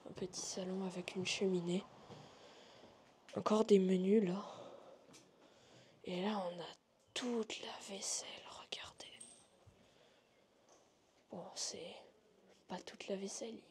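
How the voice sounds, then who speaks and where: A woman's voice: medium pitch, steady tone, darkish tone. Woman whispering a vlog over heavy noise. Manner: halting, speaking in short fragments while showing a place around. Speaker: urban exploration vlogger. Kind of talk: hushed, whispered vlog narration. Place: inside a large abandoned hotel.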